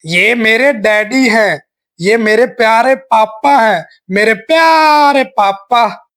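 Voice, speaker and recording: A man's voice: very high voice, slow pace, a bit bright, smooth, exaggerated voice. A man voicing a cheeky, squabbling young boy in a family cartoon, who sounds whiny.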